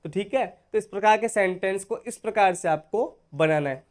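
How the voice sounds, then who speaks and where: A man's voice: high-pitched, moderate pace. A man teaching an online spoken-English lesson, explaining step by step and often checking in with his dear students. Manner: addresses viewers as dear students.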